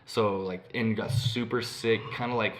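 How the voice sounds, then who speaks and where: Young male podcast co-host, lowish voice, rambling storyteller who swears freely and says "like" constantly. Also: fairly even intonation, moderate pace, a bit bright, a little hiss or hum. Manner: rambling, swears a lot, many "like" fillers. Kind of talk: casual storytelling chat.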